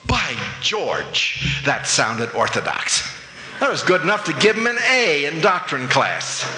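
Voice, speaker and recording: Man, preacher, very bright tone, lively swooping delivery, long reverb of a big hall. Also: fairly high pitch, unhurried. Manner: animated, mimics voices in anecdotes. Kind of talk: sermon with storytelling.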